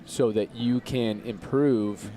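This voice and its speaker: Earnest man with a mellow, low-key voice. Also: steady tone. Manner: earnest, motivational, slows down to stress points. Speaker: podcast guest. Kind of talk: casual conversation.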